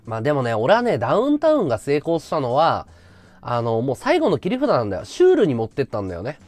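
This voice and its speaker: A man's voice: mid-range voice, huge pitch swings, quick pace, a little mellow, faint music behind. A man hosting a casual livestream chat, talking freely and thanking viewers for gifts. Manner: chatty, reacts to viewer gifts. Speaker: livestream host.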